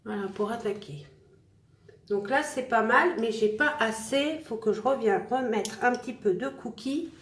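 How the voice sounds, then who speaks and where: This makeup vlogger's voice is on the high side and unhurried, with a roomy sound around it. She chats casually with viewers while demonstrating a look on a livestream tutorial, poking fun at herself as she works.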